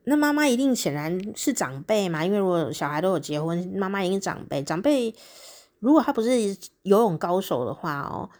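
A woman hosting a casual chat show, telling a story in a chatty, lively way with drawn-out particles. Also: medium pitch. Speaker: podcast host.

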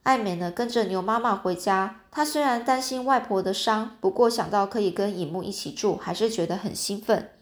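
A woman's voice: mid-range voice, fairly quick, few pauses. A woman reading a children's fantasy novel aloud in a casual, chatty way with little asides. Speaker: storyteller.

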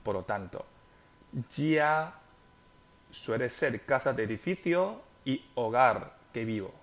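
A young man whose first language is Chinese, teaching in a podcast lesson, spelling out words and tones slowly and deliberately. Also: medium pitch, lively intonation.

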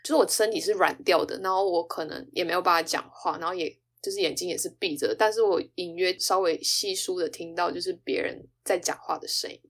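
A woman's voice: on the low side, fast talker, hardly any pauses, breathy edge. A woman hosting a podcast, telling stories in casual chat and acting out the quoted lines, with frequent laughter. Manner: expressive storyteller, acts out quoted dialogue, laughs often. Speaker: podcast host.

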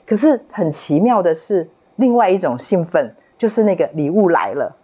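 A woman's voice: lowish voice, lively intonation, moderate pace, dark tone, husky. A middle-aged woman sharing a personal faith testimony at a book club, retelling it dramatically with many fillers. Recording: dull lo-fi recording.

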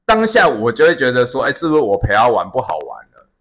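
A man's voice: medium pitch, sing-song, fast, fairly bright tone. A man co-hosting a casual chat, telling stories with lots of fillers and restarts. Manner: storytelling, many fillers and restarts. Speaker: podcast co-host.

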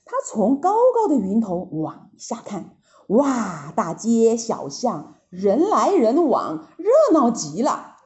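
A woman narrating a classic children's story in an expressive, drawn-out way. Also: fairly high pitch. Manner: lively, expressive, drawn-out phrasing. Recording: dull lo-fi recording.

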